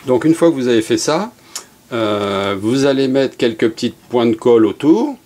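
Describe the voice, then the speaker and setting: A middle-aged man giving a relaxed, chatty hands-on workshop demonstration as an archery instructor, with many fillers and asides. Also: mid-range voice, normal speed, slight background noise.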